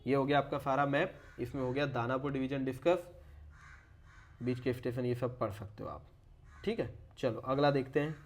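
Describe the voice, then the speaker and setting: A man's voice: mid-range voice, fairly even intonation, normal speed. Casual man walking through a map. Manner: keeps saying "okay" and corrects his own pronunciation; addresses viewers as "brother". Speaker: educational video creator.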